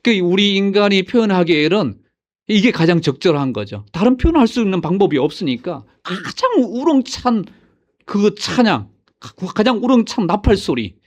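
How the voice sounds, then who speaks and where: A man preaching a sermon as senior pastor, swinging between loud exclamations and hushed asides and putting questions to his congregation. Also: on the high side.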